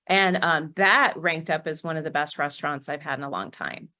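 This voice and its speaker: A woman's voice: sits low, moderate pace, sharp tone. A middle-aged woman from Texas, co-hosting a podcast in casual, rambling chat full of ums and restarts. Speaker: podcast co-host.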